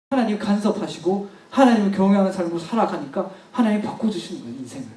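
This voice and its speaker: A man preaching to his congregation, retelling a story and repeating key words for weight. His voice sits high, and it rings through a roomy church hall. He sounds a little far from the microphone. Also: mellow. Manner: storytelling, emphatic repetition, addresses the congregation directly. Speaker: pastor. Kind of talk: sermon. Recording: echoey hall, mic at a distance.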